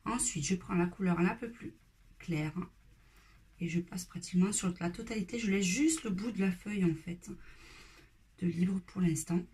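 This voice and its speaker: A woman's voice: lowish voice, moderate pace, husky. Casual French woman explaining a coloring tutorial. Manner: casual, relaxed explaining with fillers, sometimes drops to a whisper.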